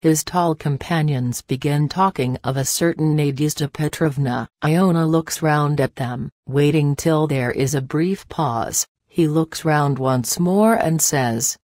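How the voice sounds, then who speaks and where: A woman narrating a short story in a steady, plain reading voice for English learners. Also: low-pitched, a little slow, hardly any pauses, no room sound, clean studio sound.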